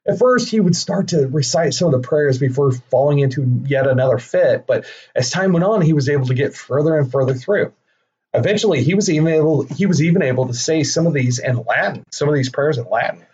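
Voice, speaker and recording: Young male podcast host, casual profane storyteller, slightly high voice, dull lo-fi sound. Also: lively intonation, a little fast, a little mellow, slightly rough. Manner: profane, jokey asides, frequent laughs. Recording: dull lo-fi recording with faint noise.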